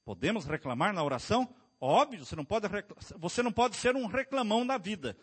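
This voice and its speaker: A man's voice: high-pitched, animated, fast, breathy edge. A man preaching as a pastor, asking his congregation rhetorical questions. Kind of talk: sermon.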